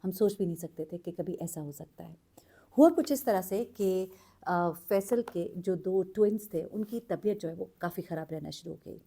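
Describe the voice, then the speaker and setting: A woman narrating a true story in an earnest, unhurried way, pausing with fillers as she goes. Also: on the low side, vocal fry, mellow, husky. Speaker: storyteller host.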